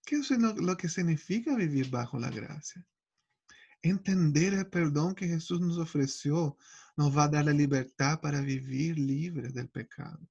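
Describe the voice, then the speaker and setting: A man leads an online Bible study in an earnest, testimonial way. His voice is gravelly and a little husky. The recording sounds dull and lo-fi. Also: on the high side. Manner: earnest personal testimony, acting out his own prayers. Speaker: Bible teacher.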